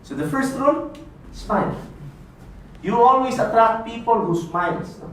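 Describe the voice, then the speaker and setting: A man's voice: very high voice, lively intonation, a little slow, fairly bright tone. A man from the Philippines giving a playful motivational seminar talk, often asking the audience "no?" and laughing. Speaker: network marketing speaker. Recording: echoey room, voice from far off, faint hiss.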